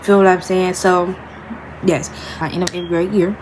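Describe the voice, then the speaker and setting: A young woman from Florida, a vlogger, tells her own story in a casual storytime video, halting and hesitant with lots of fillers and restarts, repeatedly asking "you feel what I'm saying". Her lowish voice holds a level tone, with slight background noise in a rough recording.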